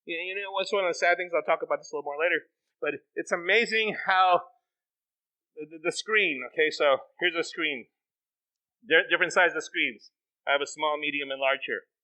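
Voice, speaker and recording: Animated high-voiced pastor preaching. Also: male voice, brisk, poor audio. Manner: animated, acts out quoted voices. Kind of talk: sermon. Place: church sanctuary.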